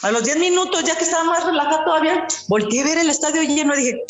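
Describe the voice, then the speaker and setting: A middle-aged woman with a Mexican Spanish accent, a guest telling her story in a casual interview, lively and boastful, acting out what others said. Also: high-pitched, fast, reverberant. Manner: lively, boastful storyteller who acts out quoted dialogue.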